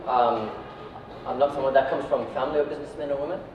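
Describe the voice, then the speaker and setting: Speaking at a quick pace with a steady tone and medium pitch, a company founder from Iraq talks conversationally to an audience, often slipping in "right" and "yeah" as tag questions. He's captured from a distance in an echoey indoor space, and the sound is dull with faint noise.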